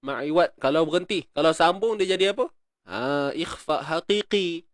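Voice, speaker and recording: A man with a Malaysian Malay accent teaching Quran recitation rules, explaining patiently, repeating words slowly and chanting verses. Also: on the high side, no echo, studio quality. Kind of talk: tajwid lesson, explaining and reciting.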